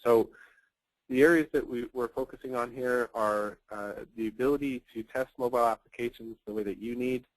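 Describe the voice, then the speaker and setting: A man presenting software features in a technical webinar, talking fluently with frequent fillers and repeated words. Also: mid-range voice, fairly quick, no echo, low-quality recording.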